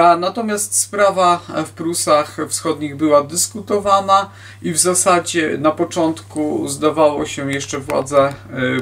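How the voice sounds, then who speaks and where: A man with a higher, fairly bright voice gives an informal history lecture to camera from a book-lined room at home. He's a historian, and he's recorded from a distance by a microphone placed across the room.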